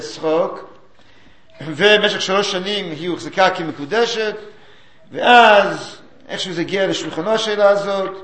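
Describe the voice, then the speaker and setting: High-voiced man lecturing on Talmud. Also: a bit bright, reverberant. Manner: explanatory, chanting quoted sources.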